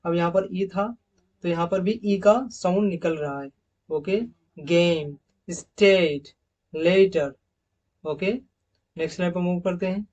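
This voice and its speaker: A man's voice: sits high, steady tone, normal speed, darkish tone, recorded from a distance, muffled recording. A man teaching English pronunciation, saying each sound several times over and calling viewers his friends. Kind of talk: recorded slide lesson on pronunciation.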